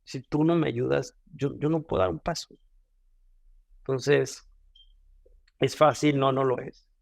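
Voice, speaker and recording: A man's voice: medium pitch, steady tone, measured pace, creaky, no room sound, studio quality. A man with a Mexican Spanish accent giving an earnest devotional teaching, often repeating and restarting phrases. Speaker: devotional speaker.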